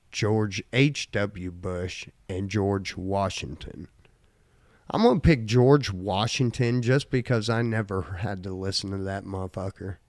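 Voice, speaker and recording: A man's voice: fairly low pitch, no room sound, studio quality. A man with a slight Southern twang, hosting a casual podcast chat and reading quiz questions aloud in a laid-back way that includes casual swearing. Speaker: podcast co-host.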